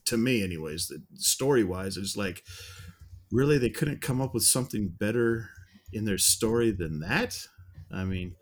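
A man's voice: on the low side, animated, moderate pace. A man co-hosting a podcast, casually reviewing a film and rambling through his thoughts with many restarts and hedges. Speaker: podcast co-host reviewing films.

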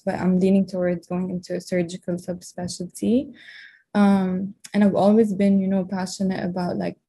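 A young woman from Lebanon chats as a podcast guest, sprinkling her speech with fillers. Her voice is mellow and fairly flat in pitch, recorded dry and close. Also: no echo. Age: 20s. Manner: chatty, many fillers like "like" and "um". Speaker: medical student guest. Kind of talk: podcast interview.

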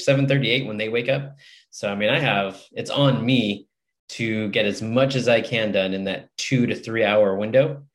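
Male interview guest, slightly low pitch, conversational, earnest and motivational. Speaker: podcast guest, author and publisher. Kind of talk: casual interview chat.

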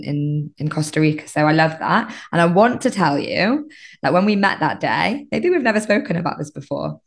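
A podcast host in easy conversation with her guest, talkative and friendly. Her voice is deep for a woman, with a relaxed, chatty flow full of fillers. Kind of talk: interview chat.

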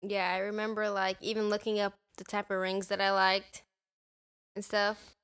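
A young woman co-hosting a podcast, talking quietly and casually, mostly chiming in with short replies. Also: mid-range voice, little pitch movement, normal speed, clean tone. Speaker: podcast co-host. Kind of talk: casual chat.

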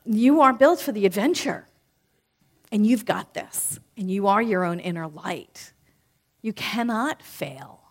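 A woman speaking to a group as a spiritual speaker, leading a guided reflection. She moves between emphatic phrases and soft, hushed ones. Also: mid-range voice, lively intonation, unhurried, husky. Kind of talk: guided reflection in a live talk.

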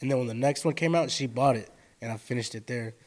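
Casting: average-pitched man, laid-back storyteller. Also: fast, a little mellow. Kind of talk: casual chat.

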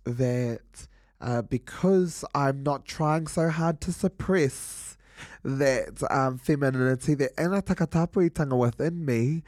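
A man from Northland with a New Zealand Māori accent, a podcast guest speaking earnestly and haltingly with many fillers. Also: mid-range voice, a little mellow, no room sound, clean studio sound. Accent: New Zealand Māori English. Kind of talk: reflective interview talk.

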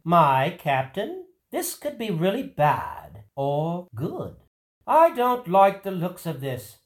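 A man voicing a wounded king who fires off worried orders, his pitch swinging up and down. He is a commanding ruler in an audio drama. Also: wildly swooping pitch, takes it slowly, full character voice. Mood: uneasy.

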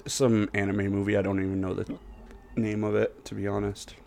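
A man's voice: on the low side, completely flat delivery, normal speed, vocal fry, dark tone. A man co-hosting a casual wrestling podcast, rambling and asking questions, with the hiccups. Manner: rambling, asks questions, trails off. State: has the hiccups. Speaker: podcast co-host.

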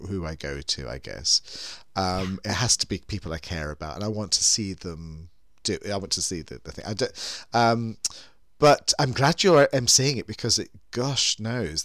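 A middle-aged British man hosting a casual chat, camp and expressive, rambling as he goes. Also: deep voice, measured pace, dry recording. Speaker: podcast host.

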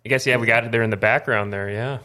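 A man's voice: mid-range voice, steady tone, fast talker, sharp tone. A man co-hosting a casual movie chat in a studio, easygoing and saying yeah a lot. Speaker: podcast co-host.

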